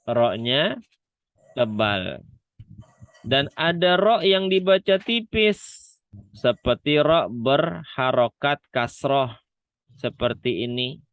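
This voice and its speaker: Slow, patient male Quran reading teacher. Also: mid-range voice, dry recording, phone-quality sound. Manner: slow, patient, demonstrates letter sounds repeatedly. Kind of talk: online Quran reading lesson.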